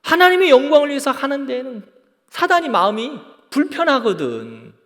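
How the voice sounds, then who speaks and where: A man's voice: very high-pitched, sing-song, moderate pace, a bit bright, long reverb tail. A man preaching a sermon as pastor, fervent and often checking in with his congregation. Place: church sanctuary.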